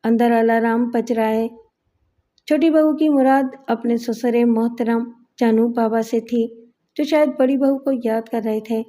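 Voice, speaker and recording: A woman reads a crime thriller novel aloud in a measured, literary storytelling style. Her voice sits somewhat high and sounds mellow and soft. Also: steady tone. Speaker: audiobook narrator. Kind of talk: scripted audiobook narration.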